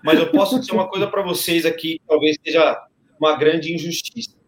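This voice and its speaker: A man's voice: on the high side, fairly even intonation, fairly quick, echoey room, a crowd in the background. A man on a football podcast panel, arguing his point emphatically and repeating phrases for stress. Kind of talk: casual football debate.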